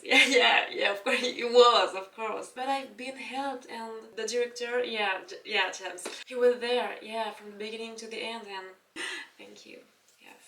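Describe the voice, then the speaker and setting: A woman with a French accent, voicing a poised actress who answers imagined interview questions in slow, soft English. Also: fairly high pitch, far from the mic. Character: poised female actress once hated for villain role. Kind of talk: pretend celebrity interview in front of mirror. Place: bathroom. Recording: echoey bathroom.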